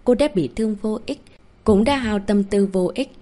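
A woman narrating a novel as an audiobook, reading steadily and slowing down for dramatic moments. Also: mid-range voice, dark tone.

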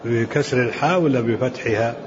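Man, sheikh giving a lesson, deliberate explanations, muffled lo-fi sound, faint hiss. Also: medium pitch. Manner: explains slowly, asks the reader questions. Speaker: sheikh teaching the book. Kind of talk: lecture commentary on a text. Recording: dull lo-fi recording with faint hiss.

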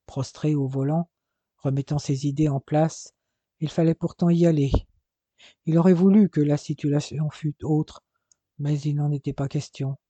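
A man narrating a novel aloud in a steady, dramatic reading. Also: on the high side, moderate pace, no room sound.

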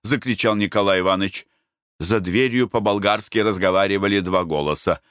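A man narrating a story aloud in an even, measured reading. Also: lowish voice, clean tone, no room sound, studio quality. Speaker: audiobook narrator. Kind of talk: scripted narration.

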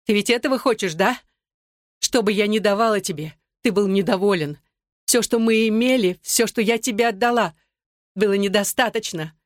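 A reader voicing an adult woman, a betrayed wife, shouting and bitter through tears in an audiobook. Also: mid-range voice, moderate pace, no room sound, studio quality, voice pushed up, natural voice. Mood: anguished. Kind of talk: audiobook narration.

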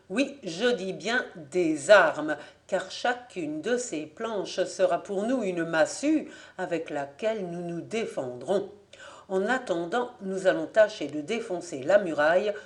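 A woman reading an audiobook, voicing a hot-headed young Parisian apprentice who exclaims and speaks in streetwise terms. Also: on the low side.

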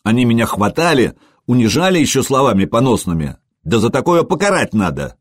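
A man voicing a hot-headed young male retainer who shouts in shrill outrage. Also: very animated, brisk, no echo, studio quality. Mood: complaining.

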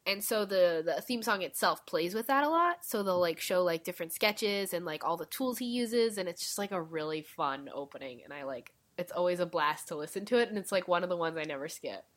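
A woman's voice: fairly low pitch, expressive, fairly quick, few pauses, fairly bright tone. A woman with a nasal voice co-hosting a casual chat, talking with lots of "like" fillers. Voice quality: nasal right now. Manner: chatty, with many "like" fillers. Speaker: podcast co-host.

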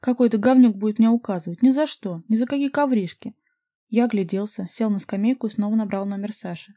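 Mellow-voiced woman narrating a novel. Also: mid-range voice, quick pace. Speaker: audiobook narrator. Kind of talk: first-person novel narration.

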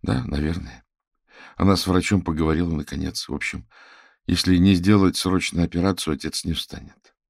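A man's voice: deep voice, steady tone, fairly quick, creaky, no echo. Bitter young guy sorcerer student, tense and worn out, a man doing him, dry close sound.

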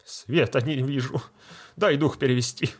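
A man voicing a pleading, wailing village deacon with a bad tooth, in a high, strained voice. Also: fairly even intonation, moderate pace, natural voice. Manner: pleading, then wailing and scolding.

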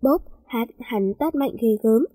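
A woman narrating a story aloud in a steady, plain reading voice. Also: a little high, measured pace, no echo, rough recording.

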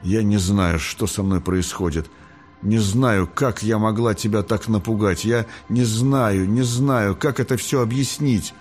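A man reading an audiobook, voicing a fiery, rebellious young girl angel who shouts in anger. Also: fairly low pitch, fairly even intonation, a little slow, faint music behind, close to an everyday voice. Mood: remorseful. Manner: shouting in anger, then quiet remorse.

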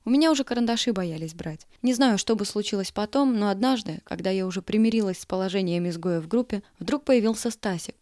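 Woman reading a story out loud, soft and even, dry sound no room. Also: mid-range voice, fast, few pauses, no echo. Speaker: reader.

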